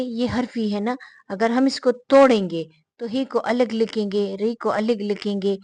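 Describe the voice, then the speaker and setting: A woman's voice: mid-range voice, a little mellow, dry recording. A woman teacher explaining a lesson step by step, patient and repetitive, slipping English words into her speech. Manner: patient, repeats and points things out step by step. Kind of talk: explaining a lesson to young learners.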